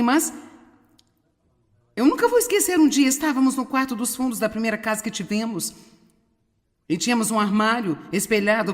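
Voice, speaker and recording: A woman preaching a sermon in an animated way, with wry humor and frequent asides to the audience. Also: mid-range voice, long reverb tail, lightly acted. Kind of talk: sermon, dubbed.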